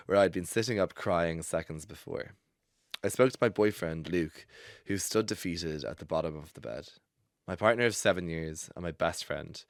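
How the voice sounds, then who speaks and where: Deep-voiced man reading a story. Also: no room sound, clean studio sound. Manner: expressive reading, breaks into laughter. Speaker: podcast host. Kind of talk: reading a personal story aloud. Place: recording studio.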